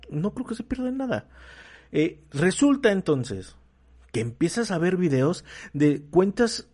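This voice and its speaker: Mexican man, unhurried delivery, salty slang, casual opinion rant. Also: mid-range voice, a little mellow. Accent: Mexican Spanish. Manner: slangy and profane, many fillers. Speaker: commentator.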